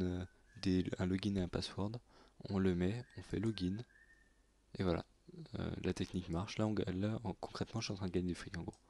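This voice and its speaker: A man, narrating a screen-recorded software tutorial, halting with many fillers and self-corrections. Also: low voice, creaky, no echo. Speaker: YouTube tutorial host.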